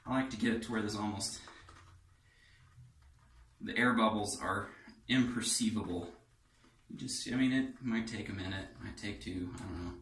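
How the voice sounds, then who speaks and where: A man gives a casual how-to on shaving in his bathroom at home, cracking jokes and wandering off into thinking aloud as he goes. His voice is on the low side and fairly bright at a normal speed; the recording is echoey and distant, with faint music and slight background noise.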